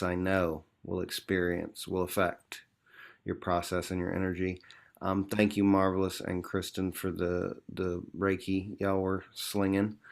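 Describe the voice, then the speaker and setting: A man's voice: low voice, vocal fry. A man leading an online group, encouraging members and calling them bro. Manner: supportive, calls people bro and brother. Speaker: group facilitator. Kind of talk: casual encouraging group talk.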